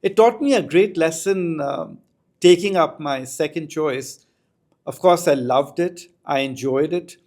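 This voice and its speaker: A man's voice: a little high, unhurried, darkish tone. A middle-aged man with an Indian accent, reflectively telling personal anecdotes as an interview guest in an articulate way. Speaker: podcast guest, school educator.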